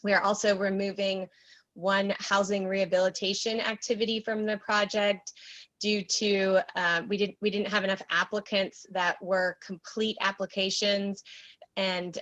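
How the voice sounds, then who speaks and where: A woman giving a formal, halting presentation as a consultant at a public meeting over a remote call. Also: mid-range voice, flat delivery, fairly bright tone. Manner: halting, hesitant phrasing. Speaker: grant consultant presenting to county commissioners. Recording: muffled remote video-call audio.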